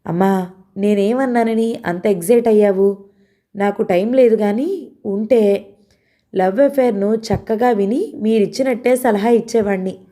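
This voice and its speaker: A woman's voice: medium pitch, a little slow, dark tone, lightly acted. A woman voicing a playful, teasing young man, a student son, in a read-aloud novel. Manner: cheeky, joking.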